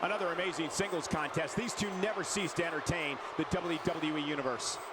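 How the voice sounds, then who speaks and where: A man's voice: a little high, moderate pace, lightly acted. A man giving polished, scripted play-by-play as a wrestling commentator. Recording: voice under loud game noise.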